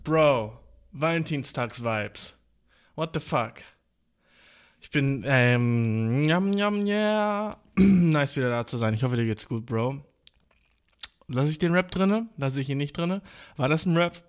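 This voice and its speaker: A man's voice: a little high, expressive, slow pace, clear, resonant tone. Hyperactive young man, slangy podcast chat. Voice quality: slangy, swears a lot, says bro constantly. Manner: hyperactive, jumpy and playful. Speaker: podcast host. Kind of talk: casual solo podcast chat. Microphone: phone in hand.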